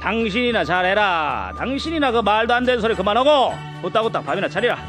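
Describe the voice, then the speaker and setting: A man's voice: high voice, very animated, measured pace. A man voicing a blunt, impatient husband with a Gyeongsang accent in a radio skit. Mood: grumpy. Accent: Gyeongsang dialect. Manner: blunt, grumbling. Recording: radio skit with faint music.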